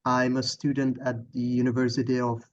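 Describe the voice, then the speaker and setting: A hesitant man from the Czech Republic asks a question over a video call, his voice flat and even. He pauses often to search for words and apologizes. The call audio is dull and lo-fi. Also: medium pitch. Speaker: student asking a question.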